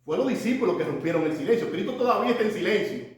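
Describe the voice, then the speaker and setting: A man preaching a sermon as pastor, swinging between loud emphatic cries and quiet, dropped asides. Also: sits high, expressive, racing. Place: church hall. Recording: echoey church room from off-mic.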